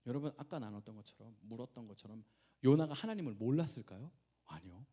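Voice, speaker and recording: A male pastor preaching a sermon, animated and asking the congregation questions. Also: medium pitch, fast.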